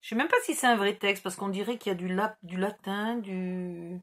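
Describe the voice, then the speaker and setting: A scrapbooking YouTuber, a middle-aged woman, chats casually through a haul video in a medium-pitched voice at normal speed. She rambles along, making fun of herself as she loses track.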